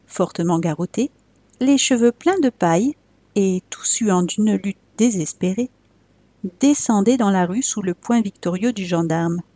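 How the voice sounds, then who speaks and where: A woman reading a classic tale aloud as a storyteller, measured and expressive. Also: mid-range voice, no room sound.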